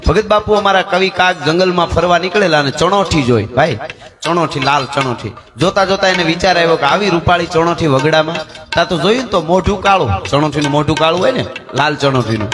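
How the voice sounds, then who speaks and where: A high-pitched man with a Kathiyawadi Gujarati accent tells folk tales. He presses home morals with emphatic rhetorical questions. Music plays clearly behind his voice on a live stage recording. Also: fairly quick. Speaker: folk storyteller. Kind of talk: Gujarati folk discourse with storytelling and sung verses.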